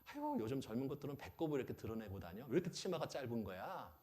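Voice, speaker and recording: A man's voice: medium pitch, sing-song, rapid-fire, warm tone, natural voice. A man voicing a judgmental elderly person who tuts and scolds young people, within a sermon. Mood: grumbling. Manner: tutting, scolding.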